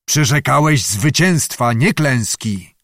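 A proud, scheming Cossack leader speaks firmly and talks others round, as a male narrator puts him on. His voice sits at a middling pitch for a man. The recording is dry and close. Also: expressive, slow, a bit bright, no room sound. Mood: persuasive.

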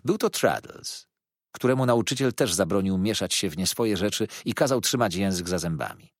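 A man reading a classic novel aloud as an audiobook narrator, with expressive storytelling. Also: fairly low pitch, normal speed, no room sound, studio quality.

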